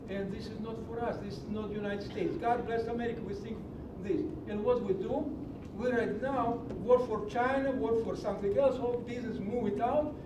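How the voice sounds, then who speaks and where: A middle-aged man, speaking broken English in a passionate, preachy public comment at a county meeting. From Greece. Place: large meeting hall. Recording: echoey hall from far off with low rumble.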